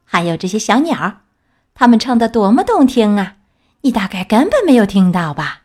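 A woman voicing a sly, scheming male wolf who wheedles and flatters. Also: medium pitch, normal speed. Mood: wheedling. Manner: sweet-talking, wheedling.

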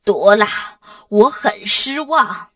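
A woman voicing a stern but loving grandmother in a children's storybook, slow and measured. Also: mid-range voice, animated, fairly bright tone, dry recording. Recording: distant mic, dry sound.

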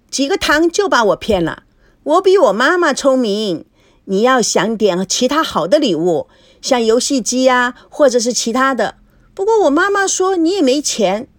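A woman voicing a cheeky, sharp-tongued little girl in a storybook reading, with a pert, teasing delivery. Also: fairly high pitch, sing-song, moderate pace, no room sound, pitched above the performer's own voice.

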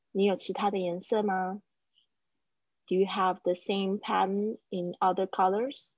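A woman teaching an English class over a live online call, patiently explaining and repeating example phrases slowly. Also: medium pitch, darkish tone, no room sound. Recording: dull lo-fi dry stream audio.

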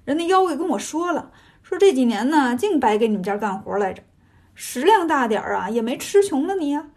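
A woman's voice: high voice, sing-song, fairly quick, darkish tone, full character voice. Sun Wukong, put on by a woman: a cocky, teasing monkey king. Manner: teasing, swaggering.

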